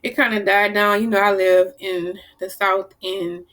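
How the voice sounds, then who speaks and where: Animated New woman telling stories. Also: medium pitch, a little slow. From New Orleans, US South. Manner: animated storyteller, acts out quoted people, blunt and salty. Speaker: vlogger. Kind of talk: casual chat to camera.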